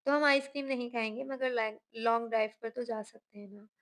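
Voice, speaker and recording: A cheerful young wife who coaxes and jokes, voiced by a woman reading aloud. Her tone is light and somewhat high. The lines come from an audiobook novel. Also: steady tone, brisk, a bit bright. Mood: playful.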